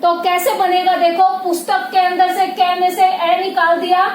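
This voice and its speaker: Woman teacher, very high voice, patient and repetitive, frequent check-ins, echoey room. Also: monotone, moderate pace. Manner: patient, repeats points, calls students "beta", frequent check-ins. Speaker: Hindi grammar teacher. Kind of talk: classroom grammar lesson. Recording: echoey room with faint noise.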